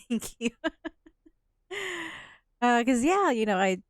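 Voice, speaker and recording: A woman's voice: on the high side, big pitch swings, drawn-out words, no echo, clean studio sound. A woman streaming a game from home, rambling casually and laughing often between thoughts. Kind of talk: casual gameplay commentary. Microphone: desk microphone with headphones.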